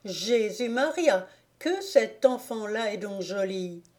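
A woman reading an audiobook voices a kindly, outspoken poor old village woman who talks plainly and with gentle teasing. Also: mid-range voice, measured pace, natural voice.

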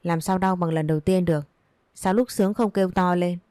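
A woman's voice: fairly low pitch, fairly even intonation, brisk, warm tone, dry recording, lightly acted. A woman reading a story, voicing a blunt middle-aged female doctor who scolds coarsely and with contempt. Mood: scornful.

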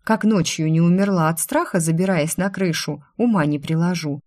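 A woman narrating a first-person fantasy story in a lively, wry, expressive way. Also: lowish voice, moderate pace, no room sound, clean studio sound. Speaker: audiobook narrator.

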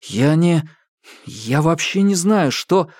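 A frightened young man speaks haltingly, confused and unsure of himself, as a male storyteller voices him. His voice rises a little with unease. The recording is close and dry. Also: a little high, expressive, darkish tone, no echo, voice pushed up. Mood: bewildered. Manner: hesitant and unsettled.

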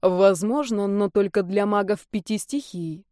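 A woman reading the part of a composed aristocratic male academy rector who speaks in a calm, matter-of-fact way. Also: mid-range voice, a little slow, no room sound, studio quality, close to an everyday voice.

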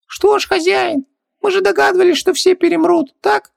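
A man's voice: very high voice, fairly even intonation, normal speed, creaky, voice pushed up, exaggerated voice. A man voicing a fawning little male djinn servant who speaks cautiously and deferentially to his master. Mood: philosophical.

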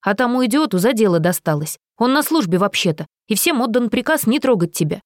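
A woman voicing a hot-tempered young male caravan leader in an audiobook, with loud, forceful outbursts. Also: fairly high pitch, big pitch swings, a little fast, dry recording, clean studio sound, voice pushed up. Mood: angry. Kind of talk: audiobook character reading.

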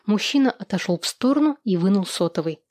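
A woman narrating a first-person audiobook with an even, measured reading. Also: medium pitch, no echo, studio quality.

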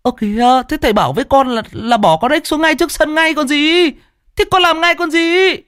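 A man voicing a sly, cheeky young male disciple who argues fast and indignantly. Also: very high-pitched, pushed and bright, no echo, clean studio sound, pitched above the performer's own voice. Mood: innocent protest.

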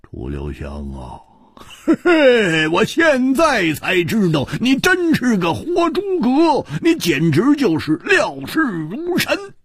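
A man voicing a boisterous hard-drinking swordsman in a storytelling performance, stammering and excitable. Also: mid-range voice, moderate pace, husky, dry recording, clean studio sound, pitched above the performer's own voice, full character voice. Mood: admiring.

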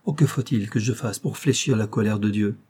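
A man's voice: on the low side, fairly quick, warm tone, breathy edge. A man reading the part of a frail, devoted old noblewoman in a quavering, subdued manner, in an audiobook. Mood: pleading.

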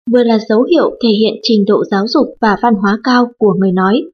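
A woman narrating an audiobook in an even, formal reading tone. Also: on the high side, husky. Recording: dull lo-fi audiobook recording.

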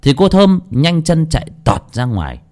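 A man narrating a ghost story with a lively, dramatic reading. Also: a little high, normal speed.

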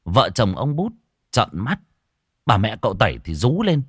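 A man's voice: lowish voice, normal speed, breathy edge, no echo, studio quality. A man telling a comic village story, acting out all the voices. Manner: lively, acting out many voices.

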